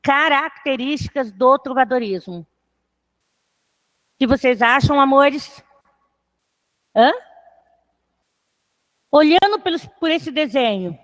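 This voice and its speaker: A woman's voice: high-pitched, expressive, takes it slowly, long pauses. A woman teaching a literature class online, counting syllables aloud and checking in with her students after nearly every phrase. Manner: talks to students, with a tag question after most phrases.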